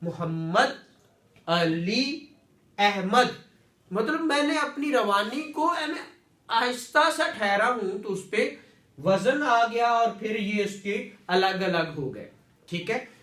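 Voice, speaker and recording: A man's voice: very high-pitched, animated, takes it slowly, bright, forceful tone. A man teaching a classroom lecture, repeating words and quizzing students with questions. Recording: echoey room, distant mic.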